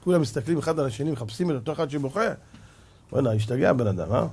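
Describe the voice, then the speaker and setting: A man preaching as a rabbi in a sermon to a congregation, impassioned, swinging between loud declaiming and quiet repetition. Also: mid-range voice, expressive, breathy edge.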